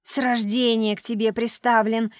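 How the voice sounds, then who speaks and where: A woman's voice: a little high, level tone, moderate pace, dry recording, studio quality, natural voice. A woman voicing a small grey male demon who hisses and wheezes his lines in panicked, pleading bursts in an audiobook. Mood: terrified. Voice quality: hissing, wheezing. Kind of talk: audiobook character voice.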